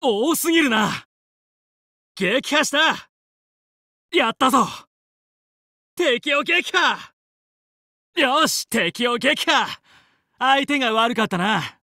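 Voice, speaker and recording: A man's voice: very high voice, animated, slow, long pauses, bright, forceful tone, no echo, studio quality, heavily acted. A male actor playing a confident, heroic young fox who leads a team of space pilots in a video game, with cool, resolute, clipped delivery. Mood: triumphant. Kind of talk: Japanese video game battle voice lines.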